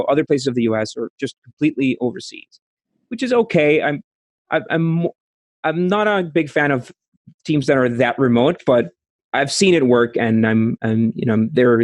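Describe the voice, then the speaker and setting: A man in his thirties from Costa Rica with a Costa Rican accent, answering interview questions over a video call, speaking haltingly with many restarts. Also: mid-range voice, dry recording. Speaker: startup founder. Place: small room at home, indoors. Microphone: studio mic with headphones.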